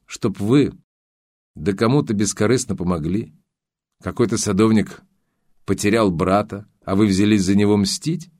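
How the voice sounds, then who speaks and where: A blunt, determined young journalist, as a male reader plays him, firm and contemptuous as he presses for answers. His voice sits low, recorded dry and close. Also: normal speed, a little mellow, no room sound, natural voice. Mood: pressing. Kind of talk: audiobook character voice.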